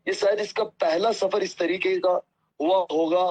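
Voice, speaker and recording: A cleric answers a phone call, speaking humbly and earnestly as he apologizes and asks at length for patience. His voice sits high with fairly even intonation, a normal speed and a darkish tone, heard through a muffled lo-fi phone recording.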